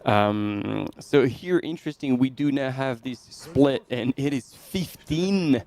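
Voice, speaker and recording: A man's voice: mid-range voice, slow pace, a little mellow. A man commentating a live trail race in a casual, loose way, full of "like" and "you know".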